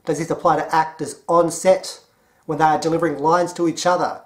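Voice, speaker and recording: Sarcastic Australian man, rather high voice. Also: fairly quick. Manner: mocking, deadpan, emphatic. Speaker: commentary vlogger. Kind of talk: sarcastic commentary.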